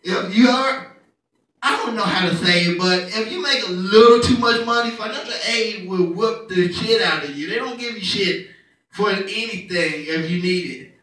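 A young man performing a stand-up comedy set, animated and jumping into characters' voices. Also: normal speed, heavy reverb, far from the mic, low-quality recording. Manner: animated, acts out characters with pitch jumps. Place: comedy club stage. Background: audience laughter.

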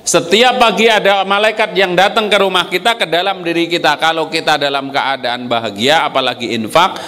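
A man preaching an Islamic lecture with humor, his voice leaping high for emphasis. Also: steady tone, brisk, bright, forceful tone. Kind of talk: lively religious lecture. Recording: long hall reverb.

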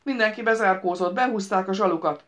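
A woman reading an audiobook, voicing a loud, bossy middle-aged daughter who scolds and rambles over the phone. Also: medium pitch, natural voice. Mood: shrill scolding.

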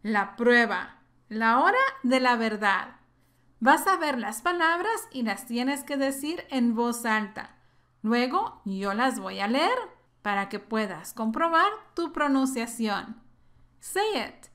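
Woman, English teacher, pronunciation drill, slow deliberate delivery, repeats each word. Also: a little high, fairly bright tone. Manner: slow, careful drilling of words twice. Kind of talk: pronunciation lesson.

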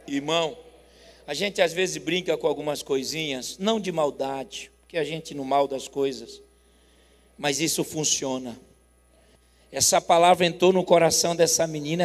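A Brazilian man in his forties preaching as a pastor, telling a story with lively acted dialogue and loud laughter. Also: sits high. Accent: Brazilian Portuguese. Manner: animated, acts out both sides of a dialogue, laughs loudly. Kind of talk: sermon storytelling. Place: church. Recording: long reverb of a church hall.

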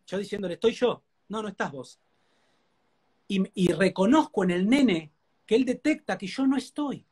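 In a live interview, a husky, high-pitched man with a Rioplatense accent recounts his own testimony at normal speed, his tone darkish and his intonation lively. Preacher-like and heartfelt, he keeps repeating himself to drive points home.

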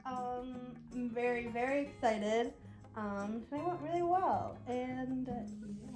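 Young woman, high voice, slow casual delivery, sorority member. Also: echoey room, over music. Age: young adult. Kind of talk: casual vlog chat.

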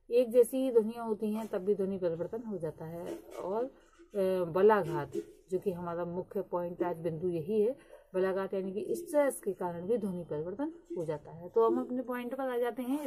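A woman teaching a lesson at a slow, deliberate pace, with frequent hesitant fillers. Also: medium pitch, crowd noise. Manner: reads English definitions very slowly. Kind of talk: lecture.

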